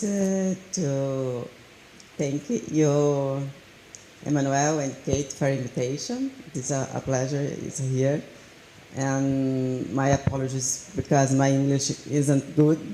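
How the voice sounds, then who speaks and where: A woman whose first language is Portuguese, speaking haltingly on a panel and searching for words. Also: sits low, mellow, slight background noise. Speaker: federation vice president, panelist. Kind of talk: panel discussion. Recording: echoey room with faint ambience.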